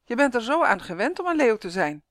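A woman's voice: on the high side, very animated, fairly quick, no room sound, studio quality, voice pushed up. A woman voicing a scheming male professor who coaxes and trembles with fear in a children's story. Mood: coaxing. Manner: coaxing, anxious.

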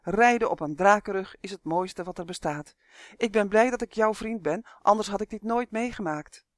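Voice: mid-range voice, normal speed, dry recording, studio quality, natural voice. A storyteller voicing an eager, grumbling male elf in a children's audiobook. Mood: excited. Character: cheeky excitable male elf.

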